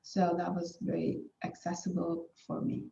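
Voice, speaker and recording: Speaking at normal speed, this woman has a fairly low, monotone, creaky yet warm voice, with a little hiss or hum present. She is from Turkey, speaks Turkish as her first language, and delivers a formal academic research talk with frequent fillers and restarts, captured far off in a dull, echoey room.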